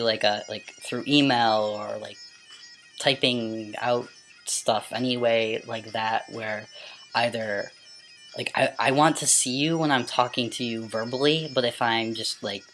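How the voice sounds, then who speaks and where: An amateur vlogger with a mid-pitched, androgynous voice, speaking casually and stumbling now and then over words. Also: sharp tone, poor audio. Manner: halting, stumbles over words and repeats them when reading. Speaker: amateur video blogger. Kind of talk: casual question-and-answer vlog with some read-aloud passages.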